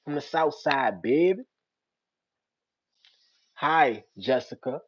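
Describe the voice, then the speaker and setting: A young man with a Richmond, Virginia accent, hosting a casual live-stream chat with viewers. He uses street slang and breaks into loud teasing. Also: on the high side, lively intonation, slow pace, lo-fi sound, slight background noise. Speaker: channel host.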